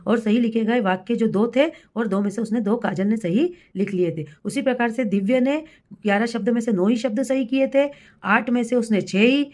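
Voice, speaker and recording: A woman teacher speaks in a somewhat high voice, guiding fellow teachers through an assessment step by step. She is patient and explanatory, and slows right down when she reads out words for dictation. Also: darkish tone. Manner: patient, addresses listeners as colleagues, reads words slowly for dictation. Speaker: primary school teacher.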